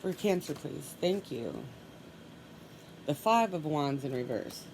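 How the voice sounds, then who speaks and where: In a rough recording with constant hiss, a tarot reader speaks slowly in a low, creaky, stuffy-nosed voice. Working solo, she stays calm and keeps softly repeating the same requests as she draws cards.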